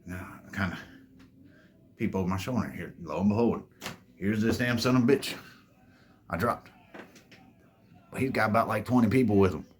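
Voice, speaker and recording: A man's voice: on the low side, normal speed, long pauses, slight background noise. A man hosting his own show, telling a story in a rambling, boastful, profane way and calling his viewers "babies". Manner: laid-back, rambling delivery with self-corrections. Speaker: host. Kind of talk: storytime monologue.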